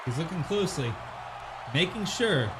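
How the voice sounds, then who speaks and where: A man calling a pro wrestling match as an excited play-by-play commentator, dramatic and exclamatory, often throwing out rhetorical questions. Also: fairly high pitch, normal speed, crowd noise, background noise.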